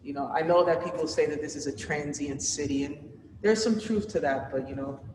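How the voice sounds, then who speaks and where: A woman's voice: low-pitched, fairly quick, darkish tone, a little hiss or hum. A woman from New York, an exhibiting artist, talking loosely about her work, with a lot of filler words. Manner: loose, rambling, heavy with fillers. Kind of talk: casual gallery talk. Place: art gallery, indoors. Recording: echoey hall from far off.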